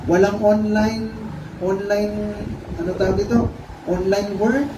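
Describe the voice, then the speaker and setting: Animated Filipino preacher in an echoey hall. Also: male voice, sits high, a little slow. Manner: animated, asks the congregation questions, acts out the blind man's cries. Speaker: pastor. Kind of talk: sermon. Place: church hall. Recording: echoey room, far from mic, noisy.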